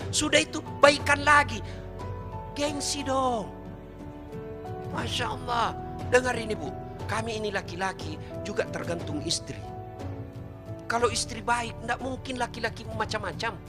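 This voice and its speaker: Brief: high, animated male preacher, middle-aged, joking sermon, faint music behind. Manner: teasing, addresses listeners directly. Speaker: Islamic preacher. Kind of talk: humorous sermon to a congregation.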